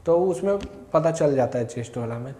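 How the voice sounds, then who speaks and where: This young vlogger from India has a fairly high, mellow voice with lively intonation at normal speed. In an echoey room, he casually recounts his own experience, rambling, correcting himself, and quoting people in quick bursts.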